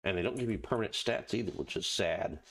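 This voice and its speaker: A man giving casual let's play commentary, muttering halting asides to himself and reading on-screen text aloud. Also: low-pitched, animated, vocal fry, fairly bright tone, husky. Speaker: gaming video host.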